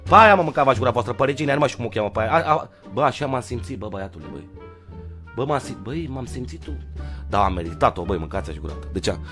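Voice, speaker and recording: A young man from Romania's Giurgiu area telling a comic storytime tale in slang, swinging from loud outbursts to low mutters. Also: expressive, faint music behind. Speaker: vlogger.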